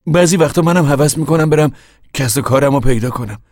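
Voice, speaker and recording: A man's voice: a little high, darkish tone, no echo, clean studio sound, pitched above the performer's own voice, natural voice. A man voicing a lonely, wistful middle-aged man who stays behind on the land.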